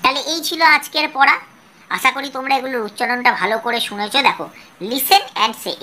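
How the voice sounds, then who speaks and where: A woman teaching a children's video lesson, asking and answering questions and reading slowly and carefully. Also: mid-range voice, pushed and bright, slight background noise.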